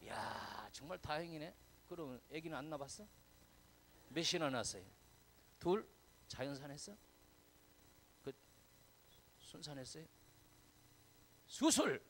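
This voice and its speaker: Gravelly pastor, chatty and teasing. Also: male voice, on the high side, expressive, unhurried, pauses often, a little hiss or hum, poor audio. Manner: chatty, teasing, quizzes the congregation; drops to whispers, swells loud for emphasis. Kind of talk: conversational sermon.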